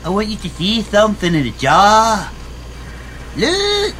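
An actor playing a naive, literal-minded and earnest toilet cleaner in an audio comedy. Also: male voice, high-pitched, animated, normal speed, a bit bright, a little hiss or hum. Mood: excited, naive.

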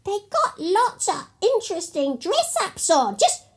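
A performer voicing an excitable, childlike bat-lamb sidekick in a children's storytelling show, eager and gushing with stammered repeats. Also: extremely high pitch, a little slow, heavily acted. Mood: excited.

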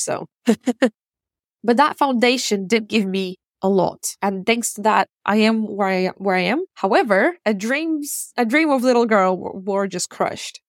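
This podcast host, a woman in her thirties from Ukraine raised in Russia, muses openly through a personal monologue, often restarting and using fillers. She speaks at a medium pitch, and the studio recording is clean with no echo.

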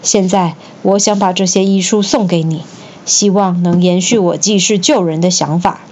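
An earnest, self-assured old physician, as a woman storyteller puts him on. The voice stays close to her own, speaking in a steady, explaining way. A slightly dull recording with faint hiss. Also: lowish voice, moderate pace, close to an everyday voice. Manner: self-assured, then pleading.

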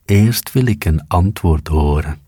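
Sneaky smooth fox guy whispering, man doing it, deep husky voice. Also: expressive, measured pace, warm tone, no echo, clean studio sound, exaggerated voice. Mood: sly. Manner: whispered, honeyed and sly. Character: sly, grinning male fox, teasing and smooth.

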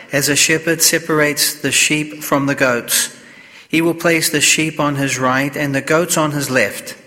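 A man with a bright, forceful voice reads scripture and preaches in a measured, solemn way. Each phrase trails off into the long cathedral echo of a large church. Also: a little high. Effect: cathedral echo, long church reverb. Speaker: clergyman. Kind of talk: Gospel reading and homily at Mass.

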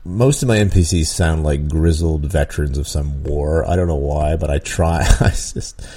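A man's voice: a bass voice, normal speed, dark tone. A man hosting a podcast, giving tabletop game-master advice in a rambling, casual way with frequent chuckles and restarts. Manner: rambling, chuckles often, many ums and restarts. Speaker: podcast host and dungeon master.

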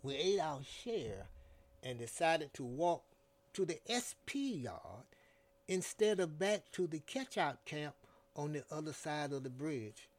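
A man narrating a first-person story in a slow, deliberate storytelling manner. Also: a little high, very animated.

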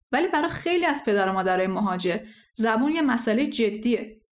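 A woman reading a first-person story aloud in a calm, reflective manner. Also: fairly high pitch. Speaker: story narrator. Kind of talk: scripted first-person narration.

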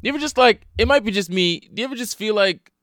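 A man hosts a loose comedy podcast with a split, swollen lip, tired and hungover. His voice is clean and smooth, recorded close and dry. He rambles casually, swearing freely and poking fun at himself. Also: sits high, animated, fast talker, fairly bright tone, dry recording. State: swollen, bruised upper lip. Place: at home in a basement.

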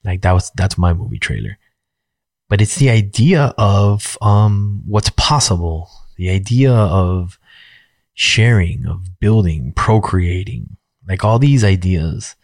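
Low-voiced guy in his 40s, candid rambly monologue, dry close sound, cusses casually. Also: takes it slowly, vocal fry, darkish tone, no room sound. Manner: rambling, frank, swears casually, many fillers.

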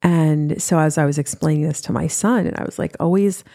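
A woman's voice: low-pitched, steady tone, a little fast, gravelly, dark tone, no room sound, clean studio sound. A woman in her forties hosting a motivational podcast, talking earnestly and repeating her key points for emphasis. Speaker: podcast host.

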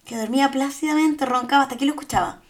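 A young Chilean woman co-hosting a podcast, telling stories in a lively, slangy, laughing way. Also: high voice, very fast, a loud crowd. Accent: Chilean Spanish. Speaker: podcast co-host. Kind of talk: casual chat.

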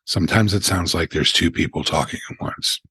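An older man who hosts a paranormal podcast, telling stories in an unhurried way with asides, in a very deep gravelly voice. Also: sharp tone, no echo. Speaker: podcast host. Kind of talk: paranormal countdown narration.

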